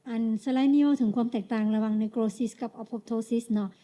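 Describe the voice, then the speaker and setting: A woman with a Lao accent interpreting a medical lecture, measured, pausing often and ending phrases with tag particles. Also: a little high, steady tone, mellow.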